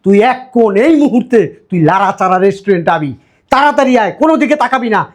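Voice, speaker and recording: A middle-aged man playing an arrogant, foul-mouthed rich industrialist father who shouts insults and barks orders. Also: sits high, expressive, quick pace. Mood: furious.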